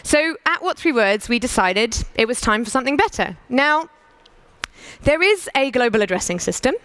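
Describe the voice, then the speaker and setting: A woman's voice: on the high side, big pitch swings, fairly bright tone, no echo. Persuasive British woman giving a conference talk. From United Kingdom. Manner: brisk and persuasive, with rhetorical questions. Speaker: conference speaker.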